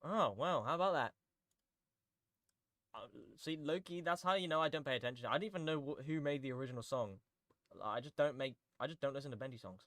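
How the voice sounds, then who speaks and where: A man's voice: medium pitch, fairly quick, fairly bright tone, no echo, clean studio sound. A man giving casual, joking reaction commentary on songs as a streamer, laughing often and rambling with restarts.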